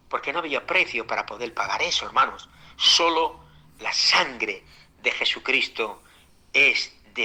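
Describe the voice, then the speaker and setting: Bright-voiced fervent male preacher. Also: fairly high pitch. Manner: fervent preaching with frequent fillers, repetitions and whispered asides; addresses listeners as brothers. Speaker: pastor. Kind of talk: Bible-school sermon.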